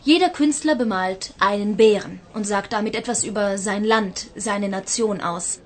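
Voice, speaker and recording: A woman's voice: medium pitch, moderate pace, lightly acted. A woman playing an earnest, courteous project spokeswoman in a scripted interview for a language course. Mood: earnest, informative.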